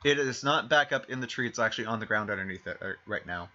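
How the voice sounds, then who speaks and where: His voice sits on the low side, expressive and sharp, and he talks fast while game-mastering a tabletop session for stream. The dull lo-fi mic catches a rambling narration riddled with fillers, restarts, and self-corrections.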